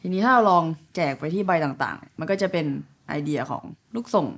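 A woman's voice: on the low side, expressive, fairly quick, creaky, heavy background noise. A young woman in her twenties explaining drum fills step by step, polite and patient, counting beats aloud. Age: young adult. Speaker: drum teacher. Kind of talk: relaxed video lesson.

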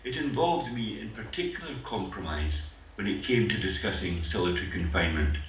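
An older Scottish man with a very low voice, bright and forceful in tone, lecturing at a measured pace with a dry wit. His voice comes over a video call and plays through speakers in a roomy meeting hall. A faint hiss sits behind him. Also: lively intonation. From Scotland. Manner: measured, dryly humorous lecturing. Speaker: conference panel speaker. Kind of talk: conference talk by video link.

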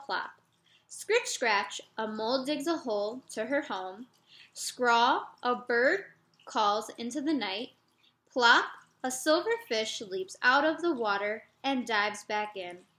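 A woman reads a picture book aloud at an unhurried, gentle pace. Her voice sits high and bright, and the recording has noticeable room echo. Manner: slow, expressive and gentle. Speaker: storyteller.

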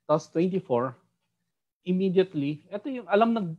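Filipino-accented preacher leading a Bible study, animated and conversational, mid-range voice, dull lo-fi sound. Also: medium pitch, normal speed. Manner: animated, keeps asking "di ba?". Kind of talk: Taglish Bible study teaching.

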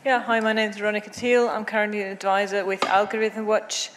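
A woman in the audience asking a question, explaining it clearly with an example. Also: medium pitch, level tone, a little fast, a little hiss or hum. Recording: hall reverb.

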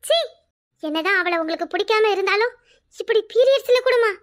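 A woman's voice: extremely high pitch, animated, brisk. A woman voicing an older cartoon mother who is shocked and scolds her son. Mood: shocked scolding.

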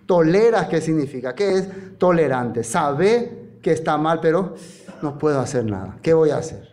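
A man preaching a sermon in a lively storytelling manner, full of rhetorical questions. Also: fairly high pitch, normal speed. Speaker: pastor.

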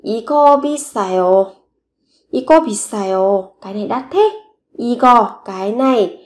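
Woman teaching phrases with slow, clear repetition. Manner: repeats each phrase slowly, rising pitch on example phrases. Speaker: Korean language teacher. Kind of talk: language lesson, explaining and repeating phrases.

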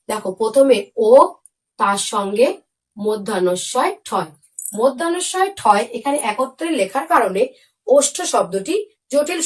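A high-pitched woman teaches young children spelling, patiently breaking each word into letters and asking whether they have it. Her voice sounds a little distant from the mic. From India. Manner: patient, spells words letter by letter, asks if understood.

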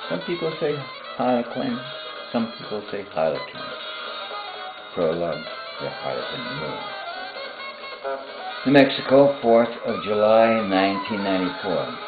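A man with a very low voice reads his own novel aloud, unhurried and with pauses and little asides. The sound is thin and phone-like, with an echoey room around him. Music plays clearly behind him. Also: big pitch swings. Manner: unhurried, pausing, with asides to himself. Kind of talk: casual reading aloud of a novel.

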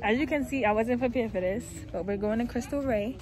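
A young woman vlogging in a chatty, slangy, excitable way while talking through a face mask. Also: a little high, fairly quick, crowd noise. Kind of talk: casual vlog chat to camera.

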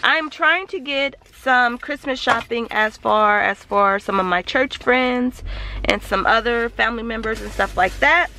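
A woman's voice: a little high, unhurried, pushed and bright, slight background noise. A woman in her thirties chatting enthusiastically in a casual shopping vlog, recorded on a phone held at arm's length. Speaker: vlogger.

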